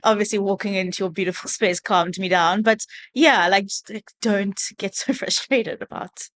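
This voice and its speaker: A woman's voice: medium pitch, normal speed, a bit bright. A woman co-hosting an interview, chatty and encouraging, often laughing as she asks questions. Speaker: co-host, interviewer. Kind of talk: friendly interview chat. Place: restaurant bistro.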